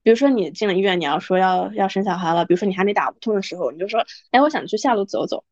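A woman's voice: mid-range voice, racing, a little mellow, no echo, highs cut off. A young adult woman hosting a podcast, giving frank, chatty advice and acting out what other people say. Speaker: podcast host. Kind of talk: casual advice monologue.

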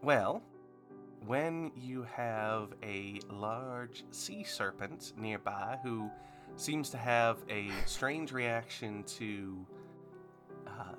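A woman's voice: rumbling low, exaggerated voice. A woman game master voicing Charlie's strict mother, scolding and formal, with music playing in the background.

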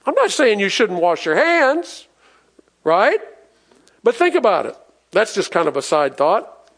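A man's voice: sits high, sing-song, a little slow, creaky, fairly bright tone. A pastor preaching a sermon to his congregation, reading scripture aloud and asking the people questions. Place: church in front of a congregation.

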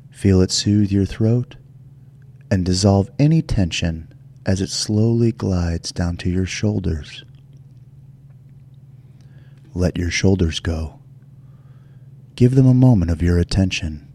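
A man hosting a guided relaxation meditation in a soft, soothing, gentle delivery. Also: low-pitched. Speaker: show host.

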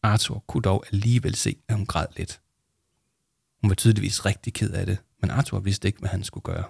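A man reads a children's storybook aloud at an even, measured pace. His low voice has a gravelly grain, recorded close and dry with no room around it. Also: dry recording.

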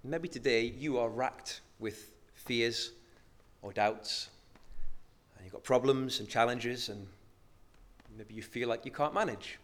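A man preaching a sermon, moving between hushed, slow emphasis and loud, rising exhortation. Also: mid-range voice.

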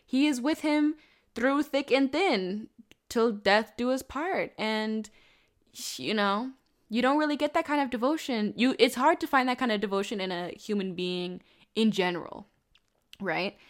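A young woman casually reviewing a show in an animated, rambling way, swearing now and then and mocking characters in put-on voices. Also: fairly high pitch, a little slow.

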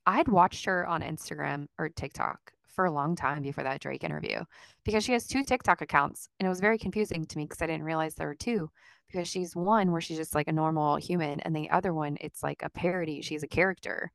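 A woman with a low, gravelly voice chats casually as a podcast co-host, sounding a little under the weather from her sickbed. The sound is close and dry, with no room around her. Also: fairly quick, dry recording. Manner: chatty, jokey. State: sick with a stomach bug. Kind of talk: casual chat. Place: in bed at home. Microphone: new microphone on a remote call.

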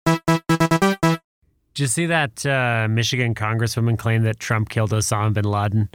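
A man's voice: lowish voice, steady tone, normal speed, smooth, dry recording, clean studio sound, faint music behind. A man co-hosting a comedy podcast, rambling and laughing often as he banters. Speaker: podcast co-host.

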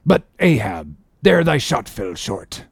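An old one-legged sea captain with a deeply gravelly, husky voice. He is obsessed and defiant, declaiming in archaic phrases like a storybook tragic hero. The sound is dry and close. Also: sing-song, slow, no room sound, exaggerated voice. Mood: brooding. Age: older.

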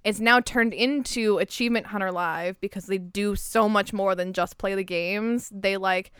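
A young woman from Canada telling a story in casual chat, excited, swearing freely and laughing as she goes. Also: mid-range voice, normal speed, smooth, dry recording, studio quality. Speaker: podcast co-host.

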